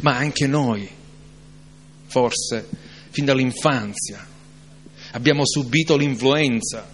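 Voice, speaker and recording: A man preaching an evening sermon, moving from calm reflection to loud, emphatic climaxes. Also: mid-range voice. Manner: slow, deliberate delivery.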